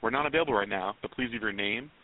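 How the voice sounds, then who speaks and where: A man's recorded greeting heard over a landline phone, read as a flat announcement. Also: fairly low pitch, racing. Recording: tinny phone line.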